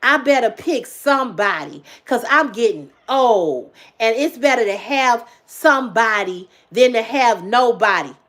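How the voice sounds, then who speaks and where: With lively intonation and a measured pace that leaves few pauses, a fifty-something woman chats to her livestream audience. She leans on repetition for effect, curses freely and alternates loud outbursts with low asides.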